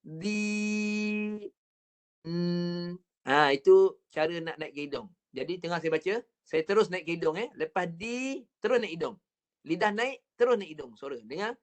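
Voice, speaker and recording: A man with a Malaysian Malay accent teaching an online Quran recitation class, drilling sounds patiently with counted repetitions and drawing out words slowly to demonstrate. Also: high-pitched, expressive. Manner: stretches words very slowly when showing the recitation. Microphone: computer mic on a video call.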